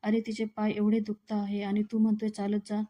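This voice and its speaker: A woman reading as a fretting mother, flat and dark. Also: mid-range voice, fairly quick, dull audio, close to an everyday voice. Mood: scolding. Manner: pleading, scolding in plain read-aloud tone. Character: worried middle-aged mother scolding her son.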